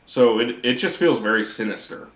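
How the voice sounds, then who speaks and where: A man's voice: mid-range voice, lively intonation, moderate pace, a bit bright. A man co-hosting a podcast, giving a wry, rambling recap of a TV episode in casual chat. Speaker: podcast co-host. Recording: echoey audio, as if in a sewer.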